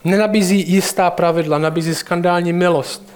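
A man's voice: sits high, steady tone, a little mellow, clean tone. A man preaching a sermon in a conversational way, addressing listeners directly.

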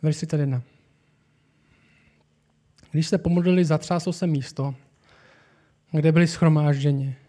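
A man's voice: fairly high pitch, pauses often. A man preaching a sermon with earnest, building emphasis. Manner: earnest, rising to animated emphasis.

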